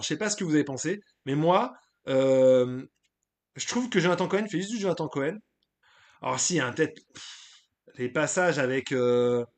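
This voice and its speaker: A man hosting a live stream, chatting casually and loosely, giving his opinions and greeting viewers from the chat, with frequent hesitations. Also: on the high side.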